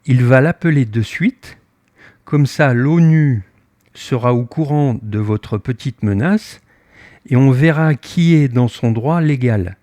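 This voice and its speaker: A man's voice: medium pitch, no echo. An older man, a sailboat captain, recounting his voyage and acting out his own heated exchanges in casual spoken storytelling. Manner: animated, acts out his own heated dialogue.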